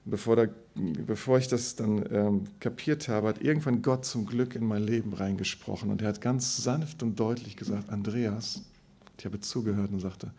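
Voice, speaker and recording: Husky, mellow-voiced man preaching. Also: on the low side, moderate pace, few pauses. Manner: lively storytelling with self-mocking humor. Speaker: pastor. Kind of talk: sermon.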